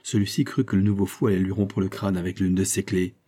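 A male audiobook narrator with a low, husky voice. He reads in a measured, even way. His tone is dark and mellow.

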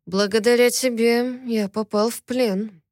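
Brief: woman doing a dangerous, mocking male captive for an audio novel; low, slow and threatening, dry close sound. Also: fairly even intonation, a little mellow, dry recording, lightly acted. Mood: menacing. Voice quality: deep low voice. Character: menacing powerful male alien captive, mocking.

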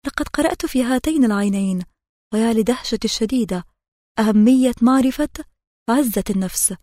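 A woman narrating an audiobook in a measured, steady reading voice. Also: fairly high pitch, no room sound, clean studio sound.

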